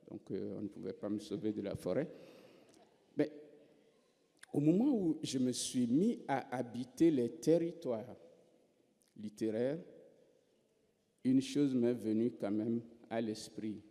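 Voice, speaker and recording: A writer from Togo, speaking in a mellow mid-range voice, tells his story on a festival panel with wry, self-mocking humor. The talk is reflective, and the festival hall sounds reverberant.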